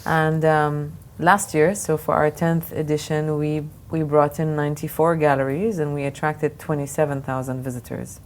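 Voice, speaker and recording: Deep-voiced and darkish in tone, this Lebanese-born art fair director answers interview questions at a moderate pace with hardly any pauses and a flat delivery. Her thoughtful answers are full of fillers and restarts, and faint background noise is audible.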